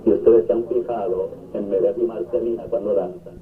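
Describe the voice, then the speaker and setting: A man preaching a sermon, telling the story with drama and jumping high on his exclamations. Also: steady tone, brisk. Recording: tinny lo-fi 1970s recording with faint noise.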